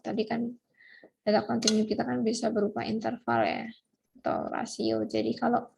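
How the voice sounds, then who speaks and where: Woman, lecturer, gravelly voice, slightly high, patient explanatory lesson. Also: darkish tone, a little hiss or hum. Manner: explanatory, with frequent fillers and restarts. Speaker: university lecturer. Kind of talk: recorded online lecture.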